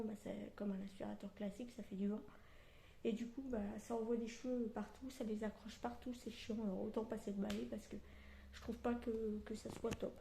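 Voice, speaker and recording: Lisping woman with a dark, mellow voice. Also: fairly high pitch, creaky. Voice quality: lisp on s sounds from orthodontic elastics. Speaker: vlogger. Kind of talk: casual rambling vlog chat to viewers. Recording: roomy echo, faint background noise.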